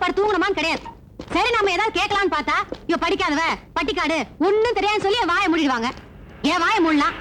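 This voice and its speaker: A sharp-tongued stepmother from a 1990s film, her voice very high and piercing. She fires off complaints at a breakneck clip, never pausing, scolding everyone in the house. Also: slight background noise. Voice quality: shrill, scolding, rapid-fire complaints. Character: sharp-tongued nagging stepmother, middle-aged woman.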